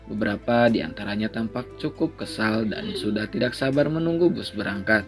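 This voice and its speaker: Male storybook narrator, steady and measured, faint music behind. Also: fairly low pitch. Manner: steady, measured reading with small slips.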